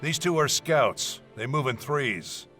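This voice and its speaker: Curt, scornful, forceful warrior commander. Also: male voice, medium pitch, animated, takes it slowly, soft background music. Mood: brusque, businesslike. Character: hostile, bossy male warrior leading a dangerous scouting mission. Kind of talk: video game dialogue acting.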